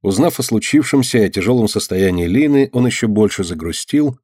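Give me a man reading a story aloud in a measured way, mellow tone. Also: on the low side, lively intonation, husky, no room sound, clean studio sound. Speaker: audiobook narrator. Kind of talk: scripted narration.

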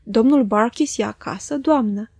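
A woman reading as a polite young gentleman. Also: fairly high pitch, dry recording. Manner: polite, deliberately roughened voice. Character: young gentleman hero, polite, voice made gruff.

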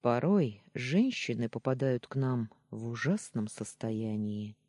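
A gentle, slightly embarrassed married man, soft and reassuring, as a reader voices him with a warm, husky tone. The recording is dry and close. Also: medium pitch, a little slow, dry recording, lightly acted. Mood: soothing.

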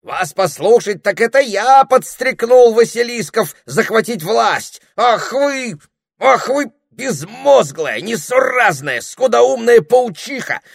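A man voicing a bossy, hot-tempered and pompous male parrot who blusters and shouts, reading aloud from a storybook. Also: fairly high pitch, big pitch swings, unhurried, gravelly, no room sound, clean studio sound, voice pushed up, exaggerated voice. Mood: indignant ranting. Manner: shouting, blustering, self-important.

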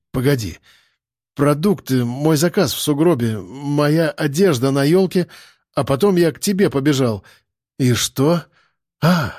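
A man voicing a dazed, sarcastic young man named Andrey, muttering slowly and wryly. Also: medium pitch, a little mellow, husky, no echo, clean studio sound, full character voice. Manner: slow, groggy, wry mutters.

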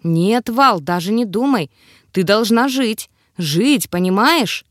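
A woman's voice: a little high, sing-song, a little slow, no echo, studio quality. A woman voicing a cheerful, caring young male friend in an audiobook, teasing and then pleading.

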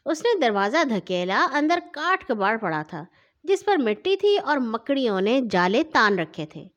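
A woman narrating a children's story in an expressive, sing-song manner. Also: on the high side, lo-fi sound.

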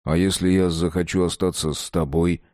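Man reading as a sleazy young guy, hoarse, creepy, unhinged, storybook voice. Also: fairly low pitch, very animated, moderate pace, darkish tone, dry recording, clean studio sound. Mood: quiet.

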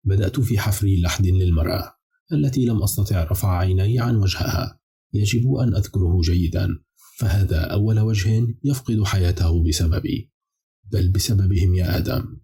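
A man narrating a dark novel as an audiobook in a measured, somber storytelling manner. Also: low voice, slightly rough. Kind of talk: scripted dramatic narration.

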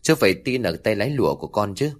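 A man's voice: fairly low pitch, sing-song, fast. A man voicing a cheeky young male truck driver who teases and complains. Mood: teasing. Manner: teasing, whiny.

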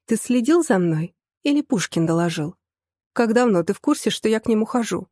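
A woman voicing a fiery, sarcastic young woman in an audiobook, sharp, mocking and quick to flare up. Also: mid-range voice, expressive, dry recording, studio quality, natural voice. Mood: indignant. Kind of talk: audiobook character voice.

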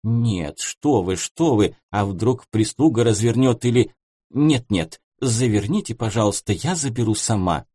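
A man's voice: fairly low pitch, lively intonation, a little slow, dark tone, breathy edge, no echo, clean studio sound. A man voicing a prim lady customer who speaks in flustered, gasping exclamations.

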